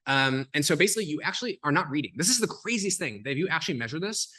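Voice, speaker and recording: A man talking as a podcast guest, explaining things in a fast, animated way, full of "like" and "um" fillers. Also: fairly high pitch. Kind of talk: casual explanatory conversation.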